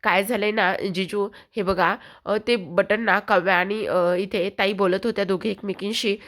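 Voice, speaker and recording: Woman reading younger sister part, halting and hesitant. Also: mid-range voice, fairly even intonation, a bit bright, natural voice.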